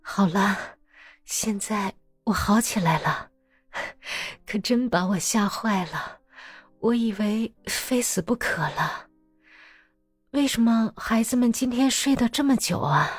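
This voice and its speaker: A woman reading a novel aloud, voicing a gravely ill young peasant wife who speaks faintly and breathily to her family. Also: mid-range voice, animated, slow, dry recording, faint music behind, pitched above the performer's own voice. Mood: weak, tender. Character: dying young peasant wife, weak and tender.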